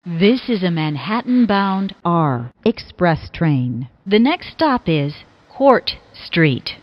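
A woman giving recorded train announcements over a train loudspeaker, with measured, evenly spaced phrasing. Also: lowish voice, big pitch swings. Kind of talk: automated transit announcements. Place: inside a subway car. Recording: muffled train speaker audio.

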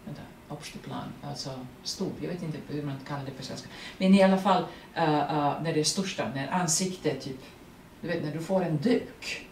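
A woman with a Serbian accent and Serbian as her first language, speaking as the guest at a public artist talk, animated, laughing often and searching for words. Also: low-pitched, few pauses. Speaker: guest actress. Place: print workshop event room. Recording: roomy, distant mic, faint noise.

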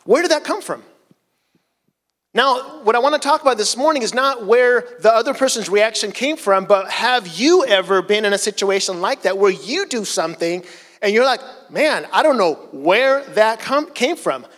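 A middle-aged pastor preaching a casual sermon on a church stage with a handheld mic, telling personal stories in a conversational, self-deprecating way. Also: male voice, high voice, lively intonation, normal speed, fairly bright tone. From Chile. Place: church stage, large hall. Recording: long church hall reverb.

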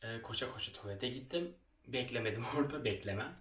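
A man's voice: mid-range voice, expressive, quick pace, fairly bright tone. A young man vlogging while he makes a craft project, telling a school story in a chatty, self-mocking way and laughing often. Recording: roomy, somewhat distant from the mic.

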